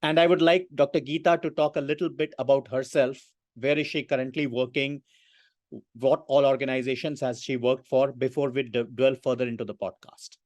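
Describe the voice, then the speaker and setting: A man's voice: mid-range voice, fairly even intonation, brisk, darkish tone, no room sound. A man hosting a podcast interview, asking questions in a formal way with frequent hesitations. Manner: formal, hesitant with many uh fillers. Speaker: podcast host.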